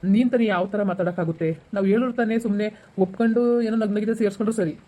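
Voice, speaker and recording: A man playing a gentle, patient village husband. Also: high voice, fast talker. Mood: reassuring. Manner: calm, soothing, reassuring. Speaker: husband in a village family drama. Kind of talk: amateur family drama acting.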